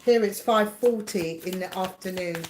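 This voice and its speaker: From indoors at her home, a chatty middle-aged woman who is a livestream host and psychic reader runs a casual live chat, rambling, laughing often and greeting viewers by name. Her voice is medium-pitched and darkish at a moderate pace, with a little hiss or hum in the audio.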